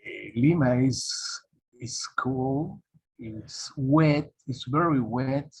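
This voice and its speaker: Hesitant man, slow and breathy. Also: mid-range voice, lively intonation, darkish tone. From Peru. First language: Spanish. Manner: halting, hesitant, many restarts. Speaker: participant. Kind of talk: conversation on a video call. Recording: muffled lo-fi call audio.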